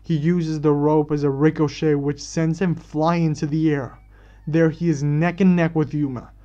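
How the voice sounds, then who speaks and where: A man's voice: on the high side, little pitch movement, normal speed, mellow. A man narrating a fan-written story aloud, often stumbling and correcting himself mid-sentence. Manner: stumbling restarts and self-corrections. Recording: dull lo-fi recording.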